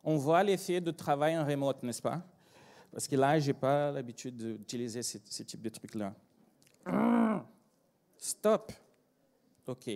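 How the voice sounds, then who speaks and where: Slow Brazilian man giving a talk. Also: medium pitch, darkish tone. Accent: Brazilian Portuguese. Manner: hesitant, many fillers and restarts, joking. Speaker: agile trainer and consultant. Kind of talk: conference talk. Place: conference room with live audience.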